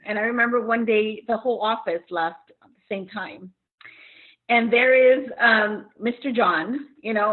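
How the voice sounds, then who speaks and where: Middle-aged woman from Mexico, co-host telling a story, earnest and halting, tinny phone-line sound. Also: fairly high pitch. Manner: earnest, many fillers and restarts. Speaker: podcast co-host. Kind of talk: casual chat, personal story.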